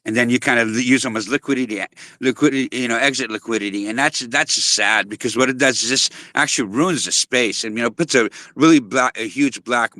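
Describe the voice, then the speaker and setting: A man's voice: mid-range voice, fairly quick, bright, forceful tone, no room sound. A middle-aged man hosting a casual chat, speaking earnestly with many restarts. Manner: earnest, with frequent restarts and "you know" fillers. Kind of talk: casual chat on a live audio space.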